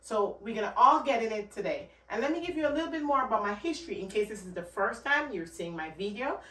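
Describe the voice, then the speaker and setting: A Guyanese woman with a Guyanese accent hosts a channel and gives earnest, emphatic money advice to camera in a casual way, repeating her points. Her voice is fairly high, expressive, quick and a bit bright. She's off the mic in an echoey room.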